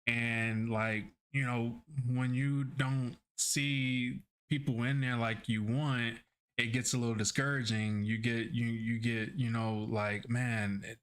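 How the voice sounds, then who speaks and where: A man hosting a podcast, talking in a relaxed, rambling way full of "like" and "you know". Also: medium pitch, takes it slowly, clean tone. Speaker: podcast host. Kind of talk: casual conversation.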